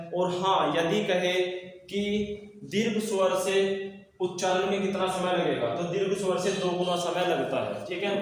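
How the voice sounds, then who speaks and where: A man teaching a grammar class, explaining slowly and repeating each point for students to copy down. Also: on the high side, slight background noise. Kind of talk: classroom lecture. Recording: echoey room from far off.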